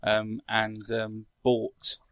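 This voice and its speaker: A man's voice: lowish voice, completely flat delivery, very slow, a bit bright, dry recording, studio quality. A man in a casual tech chat, explaining things in a rambling way as a podcast speaker. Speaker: podcast guest or co-host explaining a console.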